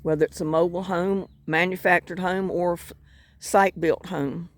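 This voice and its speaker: An older woman with a North Carolina Southern accent chats while fishing outdoors by the water, her voice on the low side with fairly even intonation at a normal speed. The vlogger rambles in a folksy, self-deprecating way.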